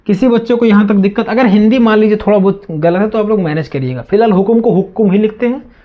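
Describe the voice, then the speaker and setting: A man with a high voice leads a classroom-style maths lesson. He keeps asking questions and answering them himself, repeating each word for the students. The recording sounds dull and lo-fi. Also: quick pace. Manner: addresses students as children. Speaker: maths teacher.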